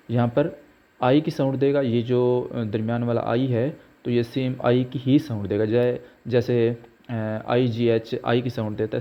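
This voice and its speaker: A man teaching pronunciation rules, slowly spelling out letters and example words. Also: medium pitch, dark tone. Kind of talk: slow explanatory lesson. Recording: dull lo-fi recording.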